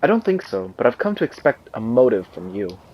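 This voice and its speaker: A man reading game dialogue aloud as a sarcastic mother talking to her daughter on the phone, quiet and teasing. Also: medium pitch, big pitch swings, a little fast.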